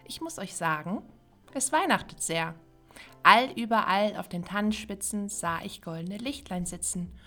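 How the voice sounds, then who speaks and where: Woman host reciting a christmas poem, steady rhythm, faint music behind. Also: medium pitch, normal speed.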